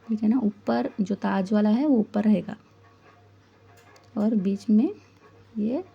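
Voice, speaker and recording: A woman's voice: mid-range voice, creaky, slightly rough, highs cut off. A woman teaching Quran recitation rules, who asks her listeners questions and then answers them herself, explaining patiently. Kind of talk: tajweed lesson.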